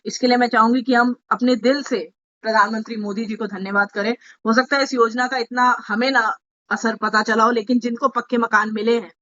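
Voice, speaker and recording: A woman's voice: fairly high pitch, bright, forceful tone, highs cut off. A woman speaking to party members in an online meeting, explaining a scheme step by step, asking them to note things down and slipping in English terms. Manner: explanatory, asks listeners to take notes, mixes English terms. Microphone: video call.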